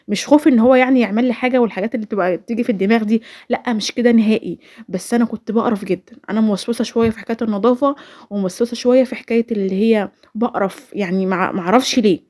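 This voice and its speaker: A vlogger in her twenties with an Egyptian Arabic accent tells a personal story in a chatty, rambling voice-over full of restarts. Her voice is mellow and on the high side.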